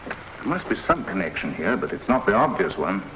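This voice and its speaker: An actor playing a shrewd police inspector in a 1950s TV crime drama, measured, dry and quietly probing. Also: male voice, low-pitched, sing-song, noisy background. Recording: dull lo-fi 1950s TV soundtrack.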